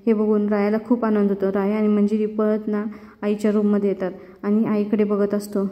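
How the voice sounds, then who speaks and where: A woman's voice: medium pitch, completely flat delivery, fairly quick. A woman retelling a TV serial episode as a story, quoting the characters' lines. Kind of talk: storytelling recap with acted quotes. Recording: dull lo-fi sound with long reverb.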